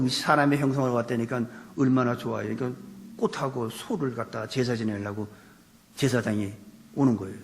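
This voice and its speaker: A male pastor giving an animated sermon, asking rhetorical questions and raising his voice for emphasis. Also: mid-range voice. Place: church sanctuary. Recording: long reverb of a church hall.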